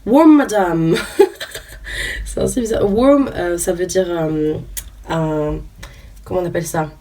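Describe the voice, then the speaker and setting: A young woman opens trading cards at a slow pace, her fairly low voice mellow as she reads each card name aloud. Her casual unboxing chat is hesitant and full of fillers, and she is a bit far from the mic with faint noise.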